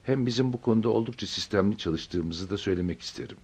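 A man's voice: on the low side, fast talker, darkish tone, husky. A man voicing a polite middle-aged bank manager who talks formally and reassuringly.

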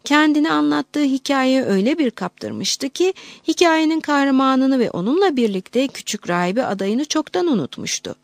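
A woman narrating an audiobook in a measured, expressive reading. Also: high voice, creaky, no room sound.

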